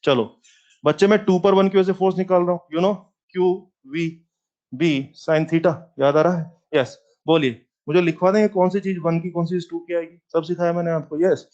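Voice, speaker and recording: Guy teaching physics class, bit high voice, asks n answers his own questions, lo-fi sound. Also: fairly even intonation, moderate pace, a little mellow. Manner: mixes English terms into Hindi.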